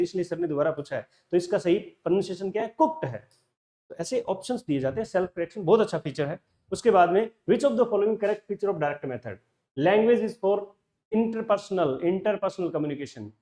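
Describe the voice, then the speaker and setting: Male English teacher with a Rajasthani Hindi accent and a high voice, talking casually through test answers. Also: a little mellow. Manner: reads options slowly, then explains in a quick conversational mix of Hindi and English. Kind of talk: solving a test paper in a lecture.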